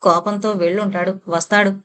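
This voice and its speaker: A comforting older woman in a storybook, soothing and reassuring a worried girl, read by a woman narrator. The voice keeps a plain middle pitch. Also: fairly even intonation, moderate pace, a bit bright, lightly acted.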